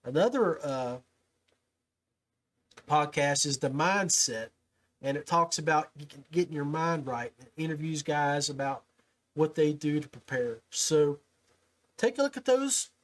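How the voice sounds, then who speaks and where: An American man hosts a podcast, chatting and interviewing in a folksy, informal way. His fairly high voice is expressive and unhurried, with long pauses.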